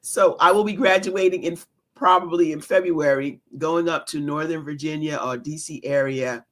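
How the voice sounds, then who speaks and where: A woman co-host chatting excitedly, gushing, her voice close to giving out. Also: low-pitched, moderate pace. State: nearly losing her voice. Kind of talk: excited conversational chat.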